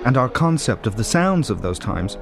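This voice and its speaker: A man giving scripted documentary narration in a measured, precise, explanatory way. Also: medium pitch, sing-song, vocal fry, over loud music.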